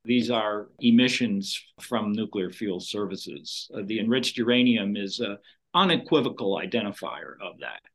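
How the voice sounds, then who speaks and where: A man's voice: on the low side, a bit bright. A man interviewed as a scientist, explaining technical findings in a methodical way. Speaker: scientist guest. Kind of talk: interview answers.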